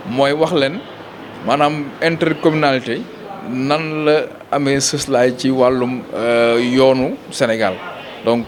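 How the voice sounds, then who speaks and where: In a medium-pitched voice, a local official with a Senegalese accent gives explanations in an interview, breaking off mid-phrase at times and repeating words as he goes.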